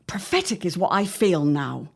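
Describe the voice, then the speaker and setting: In a period audio drama, a woman plays an anxious middle-aged wife of the 1910s, speaking formally, earnestly, and in an old-fashioned way. Her voice is fairly low, animated, and exaggerated, with creak and a breathy edge, at a moderate pace. The mood is uneasy and earnest.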